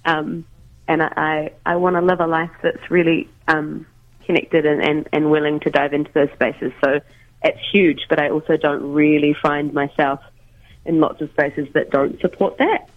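A musician guest chats by phone from home while making coffee, hesitant and full of ums and restarts in this casual interview. His mid-range voice keeps a level tone at a normal speed, recorded dry over a tinny phone line.

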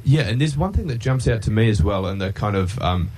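Low-voiced New Zealand man, hesitant interviewer. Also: lively intonation, darkish tone. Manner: hesitant, polite, halting questions. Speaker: student radio interviewer. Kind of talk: radio interview.

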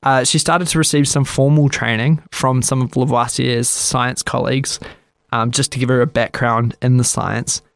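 A man hosts a relaxed history chat, talking loosely and with a dry, sarcastic edge as he plays out the people in the story. His voice has a gravelly fry to it. The recording is dry and close, with no room sound. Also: mid-range voice, moderate pace, dry recording. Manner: chatty, sarcastic, acts out quotes.

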